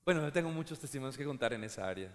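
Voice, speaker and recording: A man with a Colombian accent preaching a sermon as a pastor, emphatic and rising to shouts, recorded in a large church hall. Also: mid-range voice, expressive, rapid-fire. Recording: long hall reverb.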